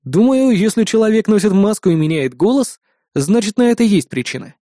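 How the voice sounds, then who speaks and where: A poised young actress, cool and measured as she questions a stranger, voiced by a man raising his pitch. The voice stays mellow and close, with a dry storybook sound. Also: lively intonation, dry recording.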